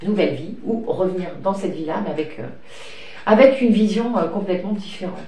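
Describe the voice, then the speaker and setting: This tarot reader's medium-pitched, warm voice moves a little fast as she chats casually through a card reading, rambling and hesitant with plenty of fillers. Congested from a cold, she coughs occasionally and speaks fondly to her pet cat and her child. Light noise, a distant mic and an echoey room mark the recording.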